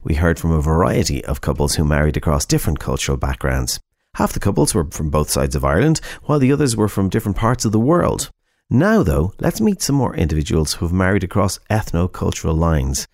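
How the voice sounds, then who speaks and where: A man hosting a radio show, presenting in a measured, announcer-like way. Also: sits low, sing-song, gravelly, a little mellow, no room sound, clean studio sound. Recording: faint music bed behind.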